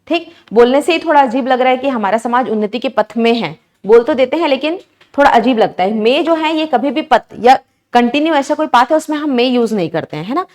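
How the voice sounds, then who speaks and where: A woman's voice: sits high, a little mellow. Woman teacher quizzing students step by step. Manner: explains step by step with constant questions to students. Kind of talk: exam prep lesson.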